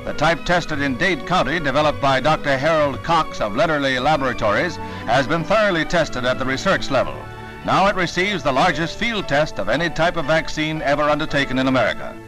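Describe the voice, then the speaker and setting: A man narrating an old 1960 newsreel in a brisk, wry announcer style. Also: on the high side, lively intonation, poor audio. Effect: old newsreel soundtrack. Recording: old newsreel with loud music bed.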